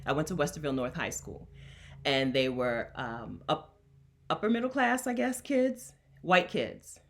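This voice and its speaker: A woman coach from Delaware, USA runs a casual stream, addressing her chat chattily and with emphasis while laughing frequently. She speaks a bit slowly in a low-pitched voice with lively intonation.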